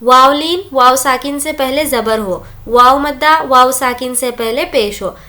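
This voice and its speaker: High-voiced woman teaching Quran recitation. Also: sharp tone. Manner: slow drawn-out recitation between quick explanations. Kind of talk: word-by-word recitation lesson.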